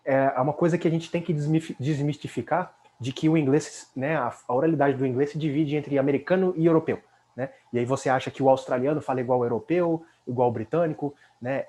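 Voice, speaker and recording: A man's voice: mid-range voice, mellow. Chatty Brazilian man teaching English. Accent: Brazilian Portuguese. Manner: chatty, fills with "né?" tag questions. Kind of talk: casual explanatory lesson.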